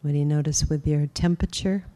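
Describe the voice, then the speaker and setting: A meditation teacher leads a guided meditation in a mellow, low voice with fairly even intonation. She is gentle and unhurried, leaving long pauses.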